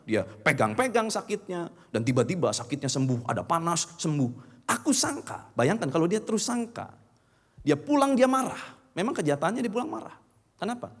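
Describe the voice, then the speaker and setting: A male pastor preaching an emphatic sermon into a stage microphone in a church hall. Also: fairly high pitch. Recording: long church-hall reverb.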